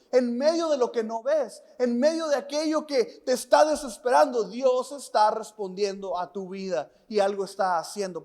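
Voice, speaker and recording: Male pastor, very high voice, earnest and repetitive, mixes personal stories into the sermon. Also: darkish tone. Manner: earnest, repeats phrases and asks the listener questions.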